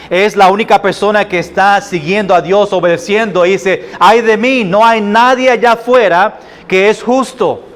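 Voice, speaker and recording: A man with a Puerto Rican accent preaching a sermon as pastor, halting often with fillers and restarts. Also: sits high. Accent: Puerto Rican Spanish. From Puerto Rico. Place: church sanctuary.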